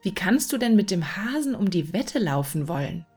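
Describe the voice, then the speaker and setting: A woman's voice: mid-range voice, sing-song, moderate pace, darkish tone, husky, soft background music. A woman voicing a worried female hedgehog who complains to her husband. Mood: fretful. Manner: lamenting, worried. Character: fretful female hedgehog wife.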